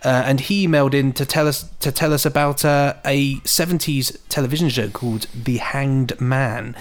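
With a mid-range voice and fairly even intonation, this Englishman co-hosts a podcast at normal speed. He keeps things casual and playful as he goes through listener emails.

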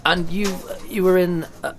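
A man's voice: high voice, little pitch movement, normal speed. A man interviewing a guest, asking questions and giving brief encouraging prompts. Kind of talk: conversational interview.

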